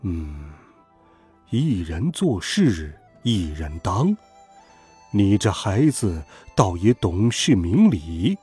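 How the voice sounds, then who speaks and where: Man doing a slow, deep-voiced old sage. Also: big pitch swings, darkish tone, husky, soft background music, full character voice. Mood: approving. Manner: slow, low, approving. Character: calm wise old male immortal teacher.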